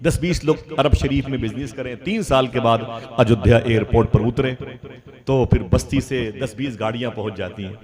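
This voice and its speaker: A man's voice: mid-range voice, moderate pace. A man, preaching an emotional religious sermon at a gathering and putting questions to his listeners. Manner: swings from loud exclamations to hushed storytelling; asks the audience questions. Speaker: Islamic preacher. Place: outdoor public religious gathering. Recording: crowd noise from a public gathering. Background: crowd audible.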